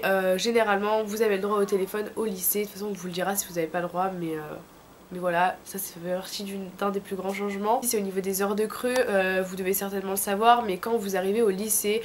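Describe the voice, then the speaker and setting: A faint hiss or hum sits behind a casual vlog in which a French woman in her late teens gives slangy, informal advice. Her mid-range voice is thick and sore because tonsillitis has left her sick with a throat infection.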